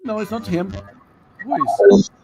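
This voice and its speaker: A man with a Brazilian accent moderating an online seminar over a video call, talking in a halting way with many restarts. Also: high voice, gravelly, mellow. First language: Portuguese. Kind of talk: online academic discussion.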